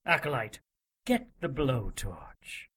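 A cruel male cleric, acted by a man, speaks slowly and coldly with a husky edge. His menace is measured rather than loud, and his pitch sits in an ordinary male range. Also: huge pitch swings, exaggerated voice. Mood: stern. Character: cruel, stern male cleric interrogating a demon. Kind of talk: audio drama acting.

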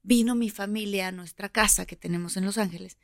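Mujer mexicana que cuenta historias con voz seca. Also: female voice, mid-range voice, a little fast, no echo, studio quality. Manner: lively, animated storyteller. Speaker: podcast guest. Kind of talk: casual storytelling chat.

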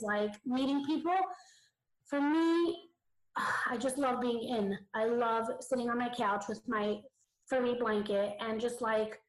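A fairly high-voiced woman comedian talks loosely as a podcast guest, leaning on "like" and "you know what I'm saying." Her side of the call sounds muffled and warbly, as though she were underwater. The garbled remote audio also rings with a roomy echo. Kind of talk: casual interview chat.

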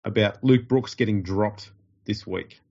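A man's voice: on the low side, unhurried, darkish tone, dull audio. A man with an Australian accent and a nasal, stuffed-up voice from a runny nose, hosting a podcast in casual, dryly joking banter. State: getting over covid with a runny nose. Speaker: podcast host.

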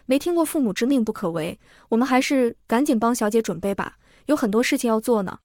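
A woman's voice: a little high, lively intonation, fast, a little mellow, no echo, clean studio sound, natural voice. A woman voicing an anxious, blunt middle-aged servant woman who scolds and frets in a story reading. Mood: agitated. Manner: agitated, scolding.

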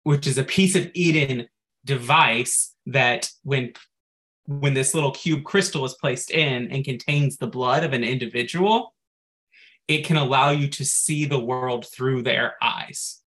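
A man's voice: mid-range voice, measured pace, a bit bright. A man co-hosting a podcast in casual chat, recapping game lore at length and dropping in frequent "like" asides. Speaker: podcast co-host.

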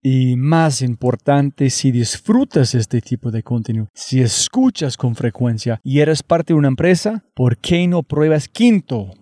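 A man hosting a podcast, reading an energetic intro with sudden leaps in pitch for emphasis, then starting an interview. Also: measured pace, hardly any pauses, dry recording, clean studio sound. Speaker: podcast host.

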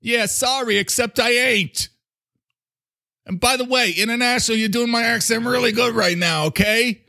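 A man's voice: extremely high pitch, normal speed, sharp tone, voice pushed up, exaggerated voice. A man voicing a brash, cocky talking coffee who swears and brags. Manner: swaggering, profane, pushy.

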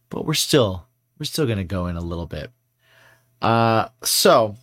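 Chatting casually on a podcast he co-hosts, this man rambles in a playful way and leans on plenty of fillers. His pitch is fairly low with a slightly bright quality.

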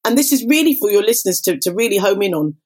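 A woman's voice: mid-range voice, lively intonation, very fast. Emphatic motivational life coach, woman. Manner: emphatic and motivational, using catchphrases. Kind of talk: casual conversation.

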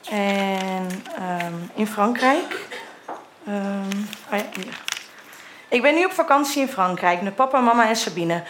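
A woman's voice: mid-range voice, expressive, measured pace, background noise. A middle-aged woman reading her old teenage diary entries aloud in a candid way, sometimes laughing at what she wrote. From Netherlands.

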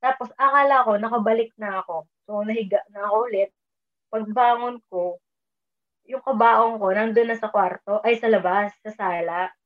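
A woman's voice: medium pitch, normal speed. A woman casually telling a personal story, mixing English into her talk and raising her voice when she quotes herself. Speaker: storyteller sharing a dream experience. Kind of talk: casual chat. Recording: tinny phone-like line.

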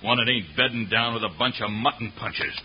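A man's voice: mid-range voice, fairly quick, close to an everyday voice. An actor playing a surly cattleman villain with a snarling, menacing drawl in an old radio western. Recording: muffled old radio recording with hiss.

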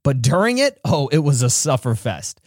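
A man hosting a podcast, telling a personal story in an earnest way and acting out quotes with big jumps in pitch. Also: big pitch swings, moderate pace, darkish tone, no echo, clean studio sound. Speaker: podcast host.

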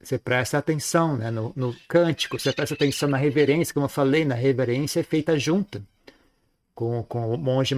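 A man giving a Buddhist dharma talk in a relaxed, conversational way, often ending phrases with a questioning tag. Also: mid-range voice. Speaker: Buddhist teacher.

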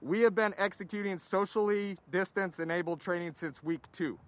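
Higher-pitched military officer, male. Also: moderate pace. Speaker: army lieutenant colonel. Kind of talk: spoken briefing.

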